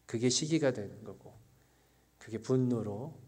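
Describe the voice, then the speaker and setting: A male pastor giving a sermon at a middle pitch. He tells a story against himself with easy laughter. Then he slows down and turns quiet and thoughtful. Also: slightly rough. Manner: lively storytelling that turns slow and reflective; self-mocking, laughs at his own story.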